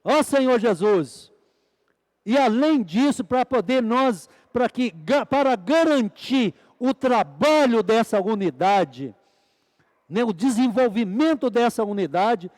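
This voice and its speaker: Male preacher, high voice, fervent sermon delivery, keeps asking and answering his own questions. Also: expressive, slow, darkish tone, big-room sound. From Brazil. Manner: repeated fervent "Ó Senhor Jesus" exclamations; asks the congregation questions and answers them.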